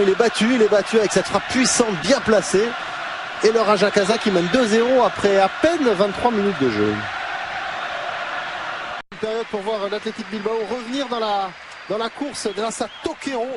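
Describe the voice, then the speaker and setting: Man, high pitch, football co-commentary, replay analysis, halting phrasing, noisy background. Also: crowd noise. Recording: clear ambient noise behind the voice.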